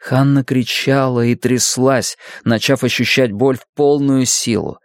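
A man reads a dramatic audiobook in a steady, measured way. His voice sits at a middle pitch. The recording is dry, with no room sound. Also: dry recording. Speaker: audiobook narrator.

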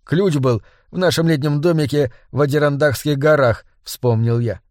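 A man narrating a first-person novel as an audiobook, in a measured, restrained manner. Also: on the high side, a little mellow, dry recording, clean studio sound.

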